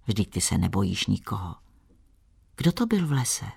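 A man reading the part of a young village girl, earnest and pleading, in his own gravelly voice. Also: lowish voice, big pitch swings, a little mellow, pitched below the performer's own voice, heavily acted. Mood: reproachful.

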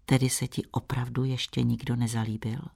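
A man reading the part of a young village girl, earnest and pleading, in his own gravelly voice. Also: medium pitch, little pitch movement, darkish tone. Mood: reproachful.

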